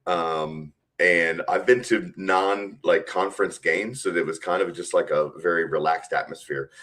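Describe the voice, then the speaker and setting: A man's voice: low-pitched, fairly even intonation, a little slow, fairly bright tone. A man who works as a stadium announcer, answering interview questions in a chatty way and laughing often. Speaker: stadium public address announcer, guest.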